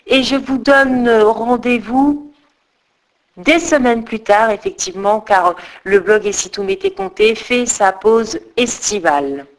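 A woman narrating a storybook tale as host of her story blog, expressive and giving voice to the characters. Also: a little high, low-quality recording.

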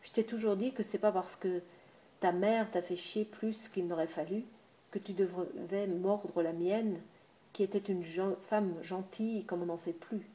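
A woman's voice: medium pitch, steady tone, unhurried, warm tone, lightly acted. A woman voicing a talkative older countrywoman, an innkeeper's wife with homely familiar speech. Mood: chatty.

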